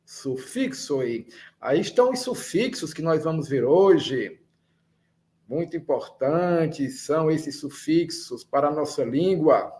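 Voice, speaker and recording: A man with a Brazilian Portuguese accent teaching a language lesson, explaining slowly and repeating words and spelled-out letters for learners. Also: on the high side, expressive, darkish tone. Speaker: Esperanto teacher. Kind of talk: slow, deliberate classroom explanation.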